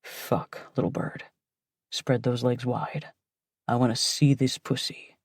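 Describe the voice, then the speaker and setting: A dominant, possessive man from an audiobook romance, speaking low and deep, as a woman puts him on. His commanding murmur comes out gravelly and husky. The recording is dry and close. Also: fairly even intonation, slow pace, no echo, full character voice. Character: dominant, possessive adult male lover.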